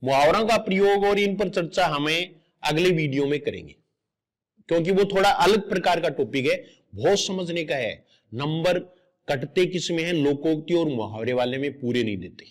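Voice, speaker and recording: High-voiced man teaching exam grammar. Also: lively intonation, normal speed. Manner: patient, step-by-step explaining, repeats correct forms aloud. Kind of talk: explanatory lecture.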